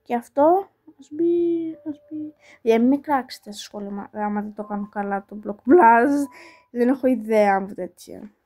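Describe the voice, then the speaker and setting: A woman's voice: fairly high pitch, warm tone. A woman hosting her own channel, casually talking through each move of a puzzle game and poking fun at herself. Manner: chatty, thinks aloud about each move, repeats words like "here" and "no"; self-mocking and apologetic toward viewers. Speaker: channel host playing a mobile game. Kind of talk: casual gameplay commentary.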